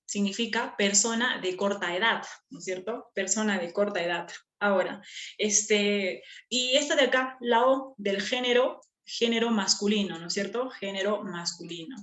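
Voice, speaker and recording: A woman teacher explaining a lesson patiently, repeating key terms and checking that students follow. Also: mid-range voice. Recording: echoey room.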